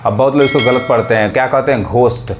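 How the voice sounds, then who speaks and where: A man teaching a pronunciation lesson to viewers, drawing words out slowly and asking if they follow. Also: mid-range voice, steady tone, music in the background. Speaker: English teacher. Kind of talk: classroom lesson.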